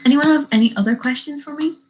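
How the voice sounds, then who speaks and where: Fast-talking and high-voiced, a teenage girl from Northern Ireland streams on YouTube, rambling and replying to the live chat. Her tone is a little mellow, and the webcam audio carries slight hiss or hum.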